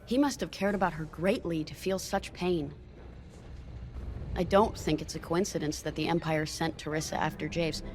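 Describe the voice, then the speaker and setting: A woman's voice: lowish voice, close to an everyday voice. A woman playing an earnest, empathetic rebel pilot in a video game, with a solemn, thoughtful manner.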